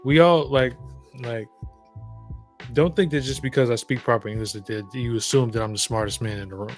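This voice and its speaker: A Southern man from the United States, guesting on a podcast, tells stories in casual conversation, reflective and emphatic, often restarting his sentences. His mid-range voice has fairly even intonation and runs a little fast, with faint music behind.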